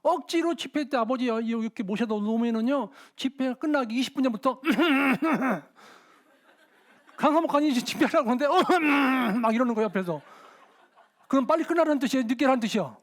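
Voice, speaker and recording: Middle-aged male pastor, high voice, animated sermon storytelling. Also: fast talker. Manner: animated storytelling, shouting out quoted dialogue. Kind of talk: sermon with dramatized anecdotes.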